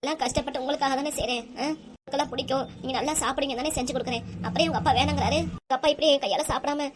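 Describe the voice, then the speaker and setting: A woman's voice: high-pitched, fairly even intonation, racing, background noise, close to an everyday voice. A woman voicing a tearful, put-upon wife and mother in a cartoon comedy, pleading and complaining. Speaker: voice actor.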